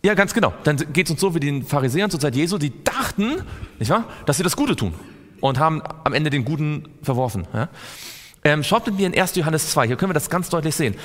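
A man's voice: fairly high pitch, very animated, fast. A man teaching a Bible study to a group, quizzing his listeners and repeating words for emphasis. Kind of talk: interactive Bible study talk. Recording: long hall reverb.

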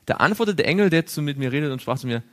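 A man's voice: a little high, expressive, very fast, fairly bright tone. A man teaching a Bible study to a group, drawing on a board as he goes, asking questions and chuckling now and then. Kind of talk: interactive Bible study lesson.

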